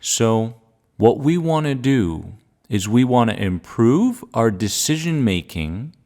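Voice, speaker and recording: A man speaking calmly and deliberately as a podcast coach, guiding a grounding exercise with pauses and repeated phrases for emphasis. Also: mid-range voice. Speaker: podcast host and anxiety coach. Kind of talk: calm guided grounding exercise and self-help talk.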